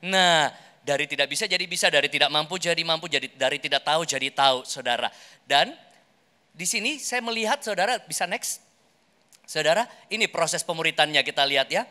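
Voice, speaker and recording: Speaking at a fairly high pitch, this male pastor sounds expressive and a little fast, his tone sharp. He teaches an animated workshop sermon to an audience, talking directly to the congregation and acting out everyday scenes. Long reverb from the large hall echoes around him.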